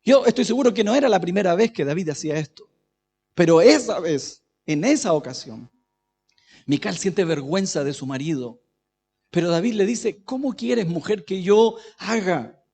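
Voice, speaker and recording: Male pastor, conversational sermon, swings loud to soft, echoey hall. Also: high voice, animated, moderate pace, husky. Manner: conversational, asks the congregation questions, varies loudness. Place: church.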